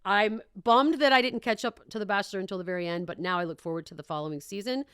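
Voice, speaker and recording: A woman's voice: on the low side, animated, rapid-fire, fairly bright tone, clean tone, dry recording. A female podcast host in casual conversation. She is wry and pokes fun at herself, recorded dry with no room sound. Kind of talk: casual chat.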